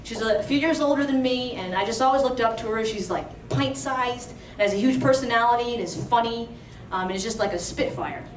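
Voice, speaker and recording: A young woman from Alexandria, Virginia, tells a true story to a live audience in a roomy venue, chatty and conversational and full of "like" and "you know." Her fairly high voice moves briskly with hardly any pauses. She sounds off-mic and far away, with slight background noise.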